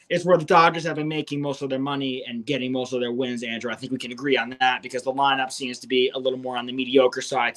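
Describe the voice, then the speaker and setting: A man's voice: medium pitch, a bit bright. A young man co-hosting a fantasy baseball podcast, rattling off stats with enthusiasm. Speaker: co-host.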